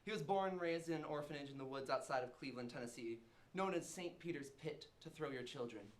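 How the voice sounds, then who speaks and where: A young male host reads a ridiculous scripted tale with mock-dramatic flair. His voice sits a little high for a man. He co-hosts with a partner on a student show. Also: fast, a little hiss or hum. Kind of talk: reading a scripted comic tale.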